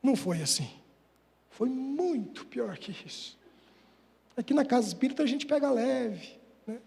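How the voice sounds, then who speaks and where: Man, Spiritist lecturer, high voice, emotional and chatty with the audience, long hall reverb. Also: lively intonation, unhurried, creaky, a little mellow. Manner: emotional, conversational, addresses audience directly. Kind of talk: storytelling religious lecture.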